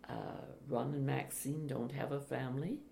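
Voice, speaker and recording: An older woman, a retired teacher, speaking slowly and reflectively in an interview. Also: extremely low pitch, fairly even intonation, creaky. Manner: slow, reflective, with soft laughs. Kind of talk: oral history interview. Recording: echoey room, faint hiss.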